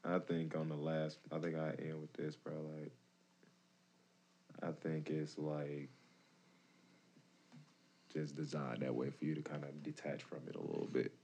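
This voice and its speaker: A man's voice: extremely low pitch, level tone, a little slow, long pauses, mellow, husky. A man with a Detroit accent chatting casually as a podcast co-host, rambling with lots of fillers. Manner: laid-back, rambling with many fillers. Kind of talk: casual chat.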